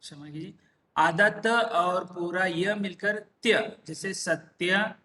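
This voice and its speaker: A man teacher slowly explaining a lesson, patiently repeating examples one word at a time. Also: sits high, bright, forceful tone, slight background noise. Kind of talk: slow classroom explanation. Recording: echoey room.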